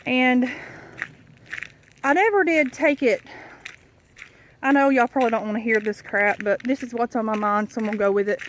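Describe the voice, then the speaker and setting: A woman's voice: on the high side, normal speed, pauses often. A woman chatting casually and candidly in a rambling, folksy way while recording a walking vlog on a country dirt road. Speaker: vlogger. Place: outdoors on a rural dirt road. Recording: noisy outdoor country recording. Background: clear outdoor noise.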